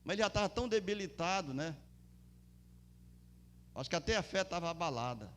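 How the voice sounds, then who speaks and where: Male pastor, high voice, preaching in church, swells and stretches key words. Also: lively intonation, fairly bright tone. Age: adult. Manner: preaching with emphatic rises and drawn-out words. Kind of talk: sermon. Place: church during a Sunday service.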